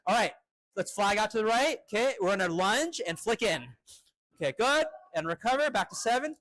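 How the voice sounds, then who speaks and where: A male fencing instructor running a live drill with crisp, short commands and encouraging words. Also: sits high, expressive, brisk, a bit bright, dry recording.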